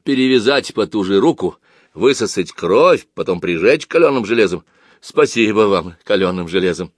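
A man's voice: fairly low pitch, expressive, moderate pace, no echo, clean studio sound. A man voicing a know-it-all male train passenger who lectures sarcastically. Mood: lecturing.

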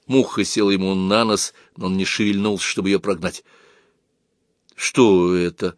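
A man narrating a children's story in a measured, storytelling manner. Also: sits low, level tone, no echo, studio quality. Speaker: audiobook narrator. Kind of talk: scripted narration.

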